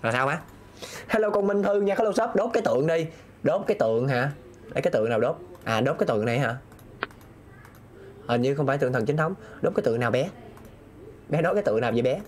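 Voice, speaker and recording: A man's voice: medium pitch, expressive, fast talker, long pauses. A man, commentating a game live. He mutters his way through puzzles, repeating phrases over and over and answering chat between clues. A faint hiss sits under the voice. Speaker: game streamer.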